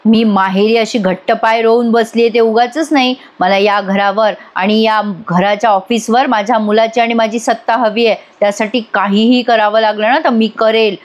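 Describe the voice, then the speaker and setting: A woman's voice: fairly high pitch, lightly acted. A woman voicing a bitter, scheming woman who speaks in sarcastic accusations.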